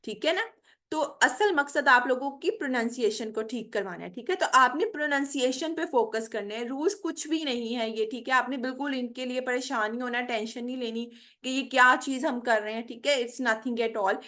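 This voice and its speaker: A woman with a sharp, high-pitched voice teaches English pronunciation in an online lecture. Patient and slow, she blends Hindi with careful English, repeats "theek hai" constantly, and frequently checks on her students.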